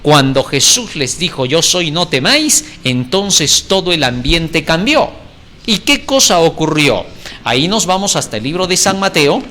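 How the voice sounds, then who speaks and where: A man's voice: fairly high pitch, sing-song, unhurried, sharp tone, slight background noise. A man preaching a sermon, reading scripture dramatically and asking rhetorical questions.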